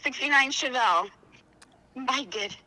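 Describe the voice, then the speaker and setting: A woman's voice: high voice, unhurried. A woman from Iowa on a phone call, overwhelmed and crying with joy, exclaiming over and over. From Iowa, USA. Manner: overwhelmed and excitable, exclaiming often. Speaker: prize winner on the phone.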